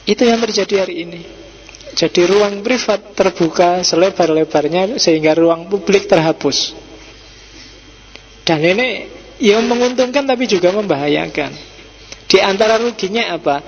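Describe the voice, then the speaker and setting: A middle-aged man with a Javanese accent giving a relaxed, teasing philosophy lecture to a study circle in a mosque, slipping into Javanese asides. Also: sits high. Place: mosque hall. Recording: dull echoey hall recording with faint hum.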